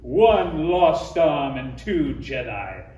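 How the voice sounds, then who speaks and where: A man acts out a theatrical, haughty villain count in a parody read. He takes his lines slowly and pompously, with menace. The sound is roomy and off the mic. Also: on the high side, big pitch swings, darkish tone, highs cut off, full character voice. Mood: smug menace. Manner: slow, pompous, deliberate delivery. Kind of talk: comedy table read. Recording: roomy, distant mic, faint noise.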